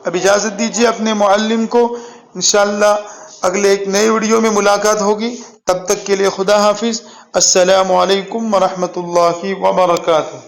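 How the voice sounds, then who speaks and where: A man teaching a Quran reading lesson. He drills letter sounds, draws the syllables out slowly, urges learners to repeat after him aloud and praises them as they go. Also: sits high, little pitch movement.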